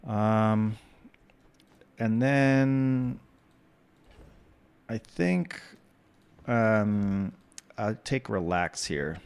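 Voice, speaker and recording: Slow, low, creaky gaming commentator man. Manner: thinking aloud, relaxed, many ums. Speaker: gameplay commentator.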